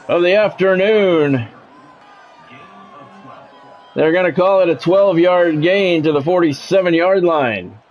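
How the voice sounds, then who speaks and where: A middle-aged man streams a football game with live play-by-play, using a practiced sportscaster delivery and casual asides. His pitch is fairly high, and there's slight background noise.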